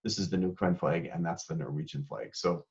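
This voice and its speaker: A man giving a casual slide lecture in a relaxed, explanatory way, often checking in with "right?". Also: low voice, fairly quick. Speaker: guest lecturer. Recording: slightly muffled lo-fi audio.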